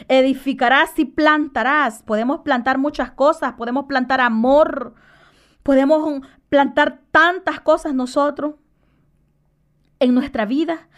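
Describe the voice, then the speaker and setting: A woman giving a fervent devotional sermon, speaking warmly to her listeners as dear friends. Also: sits high. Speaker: lay preacher.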